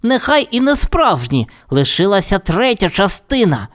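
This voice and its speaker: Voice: medium pitch, very animated, normal speed, voice pushed up, lightly acted. A storyteller voicing a clever little male canary with a burred, lisping way of talking. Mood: rueful. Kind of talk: storybook character voice.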